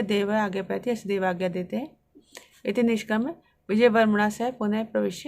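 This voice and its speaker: A woman teacher reading Sanskrit lines and explaining each one, in a steady line-by-line lesson. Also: medium pitch.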